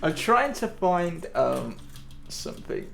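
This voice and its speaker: A woman's voice: on the low side, takes it slowly, vocal fry, slight background noise. A woman hosting a casual podcast chat, chatty and giggly. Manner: chatty, giggly, animated intonation. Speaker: podcast host.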